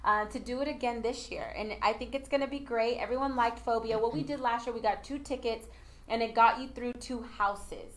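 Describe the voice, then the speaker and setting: An upbeat woman hosts a casual live studio stream, her voice sitting a little high. She talks in a promotional way and fills her pauses with frequent ums. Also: fairly even intonation. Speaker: host.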